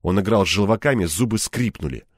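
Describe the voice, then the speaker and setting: A man's voice: fairly low pitch, lively intonation, fast talker, no echo. Dry-voiced male audiobook narrator. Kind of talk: first-person audiobook narration.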